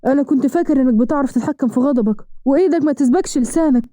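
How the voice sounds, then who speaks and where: A stern, protective older uncle with an Egyptian accent, read by a woman, reproachful and firm. The voice is high and very dark, and it is delivered very fast in a dry, close recording. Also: no room sound, close to an everyday voice.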